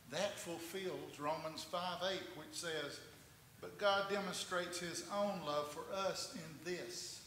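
A pastor leading a communion liturgy in a measured, reverent way, his voice carrying a cathedral echo in a large church sanctuary. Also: fairly high pitch, sharp tone. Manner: measured, reverent reading with slow stresses. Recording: echoey church hall from a distance, faint noise.

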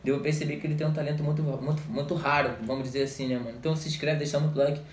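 A man's voice: on the high side, level tone, a little hiss or hum. A young man with a Brazilian accent giving a slangy, hyped reaction to a rap video from his gaming chair, talking through a headset. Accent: Brazilian Portuguese. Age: young adult. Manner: slangy, hyped, rapid street talk. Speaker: music reaction youtuber. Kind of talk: casual reaction commentary. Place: small indoor room, gaming chair. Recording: echoey small room.

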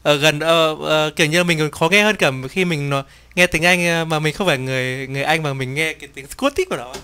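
A man streaming a game in casual chat, reading the dialogue aloud in playful voices, excitable and quick to swear and laugh between lines. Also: fairly high pitch, smooth. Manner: reads each character's lines in playful voices and comments between them. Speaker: gameplay streamer. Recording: game music behind the voice.

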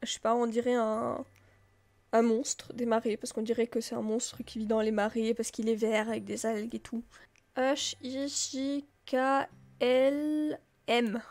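A woman's voice: on the high side, completely flat delivery, normal speed, vocal fry, a little mellow. A woman giving casual, rambling commentary as she plays a video game, with many filler words. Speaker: gameplay video creator.

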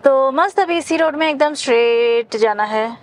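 A woman's voice: high-pitched, normal speed, slight background noise, rough recording. A woman in her thirties, hosting a travel vlog. She chats casually from inside a car and points out sights along the road. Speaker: travel vlogger.

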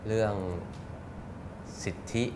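A man in his thirties, a business guest in a studio interview, explaining at length and acting out what customers say, on a lapel mic. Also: noisy background. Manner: fast, explanatory, acts out customer quotes. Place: bright TV studio set.

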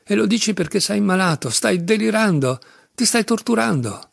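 A man's voice: medium pitch, lively intonation, moderate pace, gravelly, a little mellow, husky, no echo, studio quality, heavily acted. A man reading an audiobook, voicing a compassionate young man who pleads earnestly. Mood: pleading.

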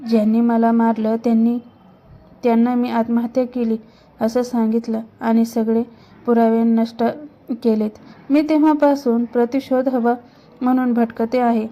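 A woman's voice: on the high side, little pitch movement, normal speed, close to an everyday voice. A woman voicing the ghost of a murdered young college girl who pleads to be avenged, speaking in a mournful, pleading way. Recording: dull lo-fi recording.

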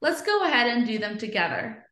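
Bright-voiced woman teaching phonics. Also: fairly high pitch, very animated, echoey room. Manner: slow, clearly sounded-out letter sounds; cheerful and encouraging. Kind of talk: children's phonics lesson.

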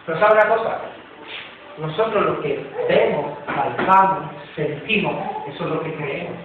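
A man from preaches in a church, repeating himself emphatically and leaping up in pitch. His voice sits high for a man. The recording is tinny and noisy and comes from far off in a very echoey hall. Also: expressive, moderate pace. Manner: emphatic, repetitive, sudden jumps in pitch. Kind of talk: sermon.

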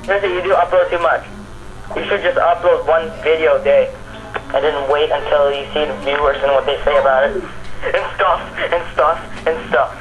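High-pitched male gamer, rambling in echoey room. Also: steady tone, moderate pace, muffled recording. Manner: repeats words and phrases. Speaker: gamer friend watching along. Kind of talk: casual rambling chat. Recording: roomy echo. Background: video game music.

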